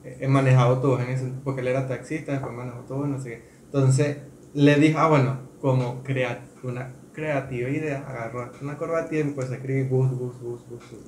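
A man's voice: medium pitch, fairly even intonation, brisk, a little mellow, a little hiss or hum. A man co-hosting a podcast, telling stories in casual group chat with frequent laughter. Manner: rambling, storytelling, laughs often. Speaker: podcast co-host. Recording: echoey room.

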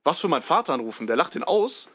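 A man's voice: a little high, very animated, quick pace, a bit bright, breathy edge. Slangy young man telling anecdotes. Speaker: podcast host. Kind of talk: casual podcast chat.

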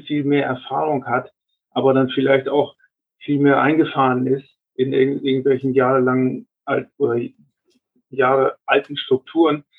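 An older man, a retired airline captain, giving measured advice in an interview, often restarting his sentences. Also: mid-range voice, breathy edge. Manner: measured, advisory, frequent restarts. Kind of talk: reflective interview answers. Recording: narrow phone-like line.

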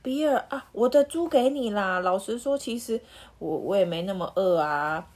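Hungry, impatient storybook wolf, eager delivery, husky; woman reading. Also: medium pitch, lively intonation, moderate pace, a little mellow, close to an everyday voice. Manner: eager, breathless.

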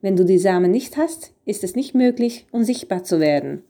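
A tiny male elf from a storybook, cranky at first but kindly underneath, put on by a woman. He talks slowly in a lowered, grumbling voice. The tone stays soft and mellow. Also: animated. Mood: lecturing.

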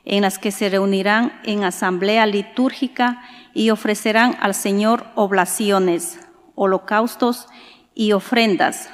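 A woman reads scripture formally as a lector at Mass. Her medium-pitched voice takes its time over each phrase, and every line rings out with the long reverb of a large church. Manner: formal, measured recitation. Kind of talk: liturgical scripture and psalm reading.

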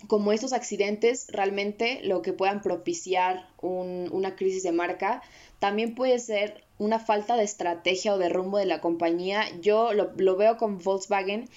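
A woman's voice: medium pitch, darkish tone, muffled recording. A woman with a Mexican accent, co-hosting a casual discussion and rambling with fillers and restarts. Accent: Mexican Spanish. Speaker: podcast co-host.

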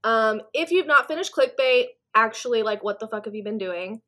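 A young woman with a fairly high voice co-hosts a casual podcast. She is chatty, laughs a lot and swears offhandedly. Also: lively intonation, normal speed, fairly bright tone. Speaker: podcast co-host.

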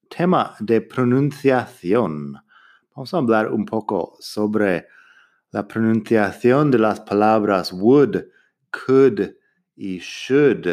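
A man hosting a podcast language lesson, explaining pronunciation patiently and repeating examples slowly and clearly. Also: lowish voice, darkish tone. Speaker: English teacher and podcast host.

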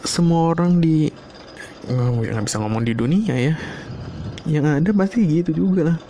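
A man's voice: on the high side, expressive, normal speed, dark tone, a little hiss or hum. A man, talking in a loose solo monologue at home, rambling and swearing casually. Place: home room, not a studio.

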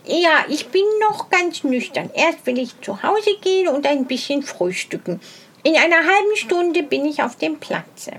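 A woman's voice: high-pitched, sing-song, pitched above the performer's own voice, full character voice. Woman doing a sly cocky hedgehog. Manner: bright, brisk and self-assured. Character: crafty stubborn male hedgehog, sly and cocky.

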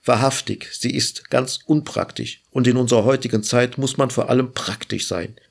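A man voicing a lovesick young student in a storybook reading, with emphatic, excited exclamations. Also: medium pitch, moderate pace, creaky. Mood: disillusioned.

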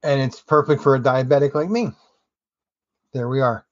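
A man talks solo as a podcast host in a mid-pitched voice, wandering conversationally from thought to thought with wry asides. The recording is dry and slightly dull. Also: normal speed, no room sound. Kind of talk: casual solo podcast monologue.

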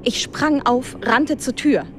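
A woman's voice: high-pitched, slow, fairly bright tone, slight background noise. A woman telling a tense story in the first person, as scripted narration framed as a spoken letter.

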